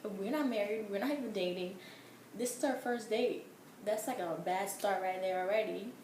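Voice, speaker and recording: A woman's voice: medium pitch, moderate pace, darkish tone. A young woman telling a casual story in an exasperated, emphatic way, full of filler words. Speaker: vlogger. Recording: echoey room, faint background hum.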